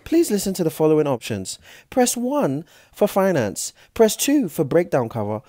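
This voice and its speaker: A woman playing a brisk, cheeky automated helpline menu in a comedy skit, with sing-song scripted politeness. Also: deep voice, big pitch swings, mellow, dry recording, clean studio sound. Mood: brisk polite. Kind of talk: comedy skit, mock recorded announcement.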